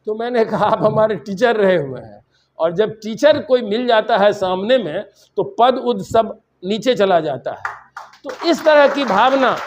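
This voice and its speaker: An older man from Bihar, a university vice-chancellor, giving a rambling, story-filled seminar speech and slipping into English phrases. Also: very high voice. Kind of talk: public lecture speech.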